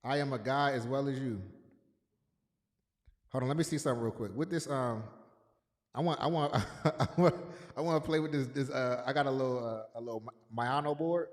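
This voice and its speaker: A man's voice: medium pitch, fairly quick. A man hosting a casual livestream, speaking in a mid-range voice. He talks loosely and repeats himself, calling out viewers by name. A long, echoey reverb trails each phrase. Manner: loose and repetitive, greeting chat viewers by name. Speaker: livestream host.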